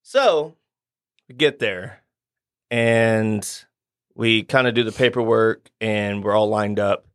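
A man, a podcast guest in casual chat, telling a profane, animated story and mimicking people. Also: lowish voice, slow pace, smooth, no room sound, studio quality.

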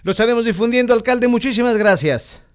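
Brisk radio host. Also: male voice, very high-pitched, expressive, smooth. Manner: brisk, asks short direct questions. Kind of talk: radio interview.

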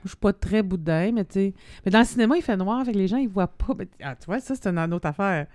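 A woman's voice: medium pitch, lively intonation, fast, a little mellow, no echo. A middle-aged woman with a Québécois accent, chatting casually with fillers and repeated words. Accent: Québécois French. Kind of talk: casual chat.

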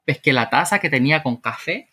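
A woman with a Chilean accent, co-hosting a podcast and telling stories in an animated, playful way, acting out scenes with sound effects. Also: sits low, brisk, slightly rough. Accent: Chilean Spanish. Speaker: podcast co-host. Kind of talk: casual storytelling chat.

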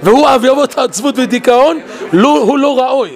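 A man giving an animated Torah talk. He laughs often and asks many rhetorical questions. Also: very high-pitched. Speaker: Torah teacher.

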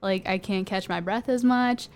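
Young woman guest chatting on a podcast, smooth clear voice, says like a lot. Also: mid-range voice, moderate pace. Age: young adult. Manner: chatty, many "like" fillers, light laughs. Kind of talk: casual chat.

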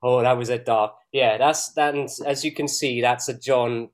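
A man's voice: mid-range voice, steady tone, unhurried. A man co-hosting a beer review show, chatty and jokey, often laughing. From Wales. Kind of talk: casual banter.

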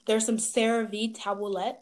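A young woman co-hosting a casual chat podcast, talking in a chatty way that gets animated when she is passionate. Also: on the high side. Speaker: podcast co-host. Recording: faint background noise.

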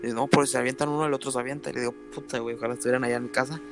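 A man's voice: mid-range voice, steady tone, rapid-fire, creaky, music in the background. A man with a Mexican accent, hosting a podcast in loose, slangy, rambling banter. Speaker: podcast host. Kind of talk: casual banter.

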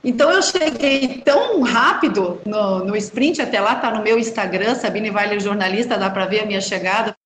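A woman, a journalist and runner, telling stories in a chatty, animated way as an interview guest. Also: medium pitch, normal speed, few pauses, reverberant, a little hiss or hum. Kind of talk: casual interview chat.

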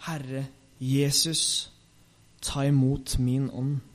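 A man's voice: medium pitch, little pitch movement, close to an everyday voice. A man reading Stephen, solemn bold preacher. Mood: devout. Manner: solemn, rebuking oration. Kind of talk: reading a scripture speech.

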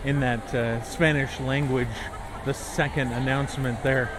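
A man hosting a casual walk-around chat outdoors, rambling in a halting way. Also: medium pitch, fairly even intonation. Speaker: podcast host. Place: outdoors walking through a busy theme park. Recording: outdoor park noise and crowd.

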